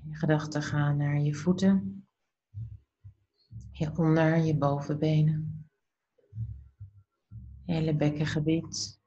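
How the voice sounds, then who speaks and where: A woman leading a slow guided meditation in a soft, soothing, unhurried voice that turns breathy at the ends of phrases, with pauses between short phrases. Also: low-pitched, little pitch movement, highs cut off.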